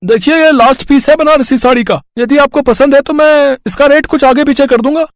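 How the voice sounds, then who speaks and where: A woman's voice: high voice, a little fast, dry recording, studio quality, voice pushed up, natural voice. A woman voicing a male sari shopkeeper with a persuasive sales manner.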